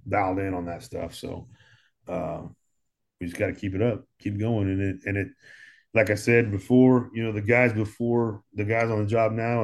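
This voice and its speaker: A man in his thirties with a low, gravelly American voice, talking as a firefighter guest in a casual podcast chat. He speaks earnestly and often doubles back on his words. The voice sits below most men's and has a rough, crackly edge. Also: darkish tone. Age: 30s. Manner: earnest, repeats words while thinking.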